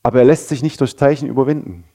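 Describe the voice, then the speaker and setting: A man preaching a sermon, talking conversationally with rhetorical questions and moving between raised passages and quiet, low ones. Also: fairly even intonation, quick pace. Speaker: pastor.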